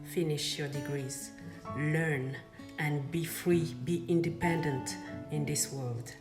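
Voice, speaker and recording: A woman whose first language is Swahili hosts an earnest inspirational vlog, switching between English and French in a bilingual monologue. Her low voice is slow and fairly even in intonation, sounding reverberant over music.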